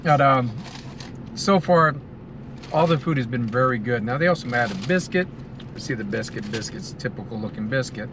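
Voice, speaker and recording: With an expressive, mid-range voice at a moderate pace, a middle-aged American man reviews food to camera in a casual, savoring way, speaking between bites. The setting is a car, with clear ambient cabin noise.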